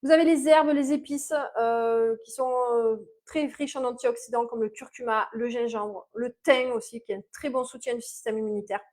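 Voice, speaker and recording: A woman with a Mediterranean French accent and a slightly high voice explains diet tips as a naturopath. She speaks off the cuff, looping through fillers and restarts and stressing points with a quick "ok?". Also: fairly even intonation, darkish tone. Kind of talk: informal health advice video.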